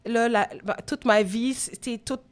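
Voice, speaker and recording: Speaking unhurriedly in a fairly high, steady voice, a woman in her thirties with a Québécois accent shares her personal story openly and reflectively. She is a rapper from Quebec, Canada, guesting on a live podcast taped at a venue, and the audio comes from a phone.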